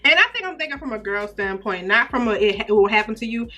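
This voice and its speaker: A young woman in casual girl-talk, speaking in an animated, emphatic, slangy way. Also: medium pitch, quick pace, faint music behind.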